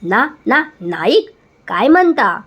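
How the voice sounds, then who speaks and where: A woman's voice: fairly high pitch, big pitch swings, slow pace, breathy edge, full character voice. A woman voicing a frightened young village husband who stammers out apologies in a told folk story. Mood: apologetic.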